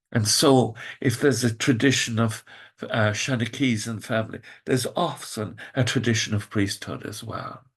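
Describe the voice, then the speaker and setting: Lilting Irish man, husky devotional storyteller. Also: mid-range voice. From Ireland. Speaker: priest reflecting on daily readings. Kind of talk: devotional reflection, reading scripture and commenting.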